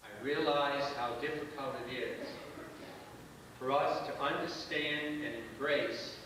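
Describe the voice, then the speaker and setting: A man's voice: mid-range voice, steady tone, takes it slowly, recorded from a distance. A man preaching solemn condolences to a congregation, recorded from afar in an echoey space. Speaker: clergyman. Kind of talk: sermon of condolence. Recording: echoey noisy hall from afar.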